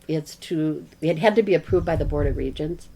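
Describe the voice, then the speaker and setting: An older woman with a somewhat low voice, telling her career story in a relaxed interview. She talks chattily, often restarts her sentences and acts out what people said to her. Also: husky, rough recording. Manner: chatty, halting restarts, acts out quoted speech. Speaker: guest, retired nursing educator.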